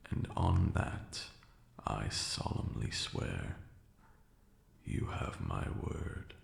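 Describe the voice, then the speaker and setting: In a soft, teasing ASMR roleplay, a man plays a haughty yet protective ancient vampire lord, speaking in formal, old-fashioned phrasing with a breathy murmur. His full character voice is a low rumble heard in a reverberant space, and the mood is solemn and protective.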